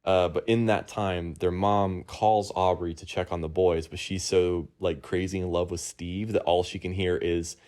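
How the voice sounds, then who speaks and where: A man's voice: sits low, little pitch movement, normal speed, hardly any pauses, a little mellow. A man hosting a casual podcast, rambling through a movie plot recap with lots of ums and uhs among friends. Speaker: podcast host.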